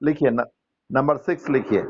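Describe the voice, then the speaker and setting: A man's voice: mid-range voice, normal speed, muffled recording, very noisy. A man teaching an English grammar lesson in an online class, patiently questioning students by name and explaining step by step in Hindi mixed with English terms.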